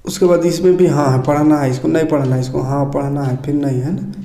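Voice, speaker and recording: A man teaching a lesson, his voice set a little high but mellow and warm in tone. He takes each point in turn, stopping often to check that students are following. The recording has the noticeable echo of a bare room. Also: fairly even intonation, fast. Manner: explains item by item, repeats checks and tags. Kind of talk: casual screen-share lesson walkthrough. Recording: echoey room.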